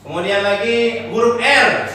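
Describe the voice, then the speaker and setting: A man's voice: high voice, unhurried, sharp tone, slight background noise. A man teaching a singing lesson in a classroom, explaining patiently and singing short examples and solfege. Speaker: music teacher. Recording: echoey classroom from far off.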